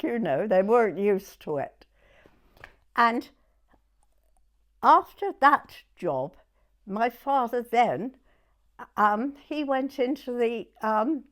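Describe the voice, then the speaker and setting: Speaking slowly at an ordinary pitch, a Dorset woman in her nineties shares memories as an oral history interviewee. Her southern English accent accompanies halting, conversational storytelling, and she often pauses to confirm the listener understands.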